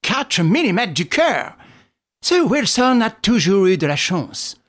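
A man voicing an agitated, proud male detective who cries out in a high, strained voice. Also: sing-song, normal speed, a bit bright. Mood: assured.

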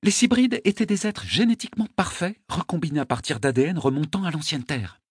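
A man reading an audiobook, voicing a sharp, commanding noblewoman who interrogates a prisoner, in a husky falsetto. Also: animated, fairly quick, no echo, clean studio sound. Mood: urgent. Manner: imperious, urgent questioning. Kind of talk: audiobook character voice.

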